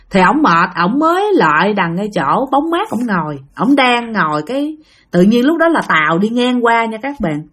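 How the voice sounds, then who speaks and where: Telling ghost stories as a storyteller host, this woman has a husky, somewhat bright voice on the high side and a Southern Vietnamese accent. Her casual, chatty style often addresses the audience directly.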